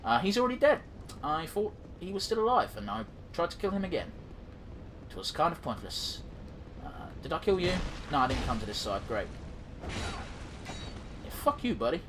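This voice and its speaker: There's background noise as a man with a stuffy nose gives casual let's-play commentary, full of swearing and trailing fillers. He's a gaming commentator whose slightly high, sing-song voice moves at a moderate pace, pausing often.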